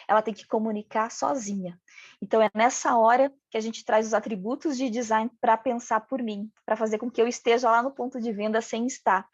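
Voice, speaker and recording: A packaging design instructor with a regional Brazilian Portuguese accent gives a training lecture, speaking in the first person as if she owned a business and often tagging on "né?". Her voice is on the high side, recorded without echo but with the highs cut off.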